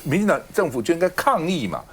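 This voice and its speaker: A man's voice: on the high side, big pitch swings, fast, husky. A man hosting a political talk show, arguing his points with a stream of rhetorical questions into a studio mic. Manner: argumentative, fires off rhetorical questions.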